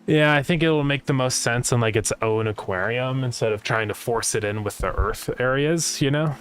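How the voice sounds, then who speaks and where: A man's voice: mid-range voice, moderate pace, a little hiss or hum. A man chatting casually as a game developer livestreamer, rambling as he thinks aloud, his speech slightly slurred by retainers. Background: music.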